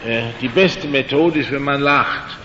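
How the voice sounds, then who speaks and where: An older man, whose first language isn't German, gives an evening lecture in German on creation and faith. His bright, forceful voice is slow and halting, full of fillers and hesitations, with dry humor. The hall recording is dull and echoey with a faint rumble.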